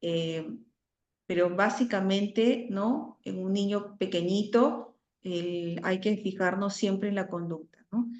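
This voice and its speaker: A woman's voice: medium pitch, slow, darkish tone. Woman, online class lecturer, hesitant tag-heavy delivery, roomy dull recording. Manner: frequent "¿no?" tags and hesitations.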